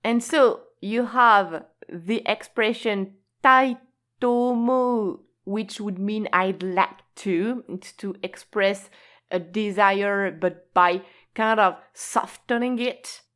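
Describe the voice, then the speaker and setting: A woman teaches a language lesson online in a medium-pitched voice with a clean, fairly bright tone. She explains slowly and patiently, stretches the key words and laughs lightly on occasion.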